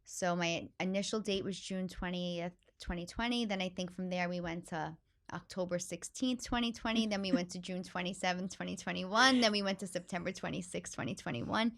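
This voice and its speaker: Lively New York woman, lowish voice. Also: brisk, creaky. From the Bronx, New York. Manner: animated, talks with hands, loud and expressive. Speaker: stand-up comedian guest. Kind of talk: casual interview chat.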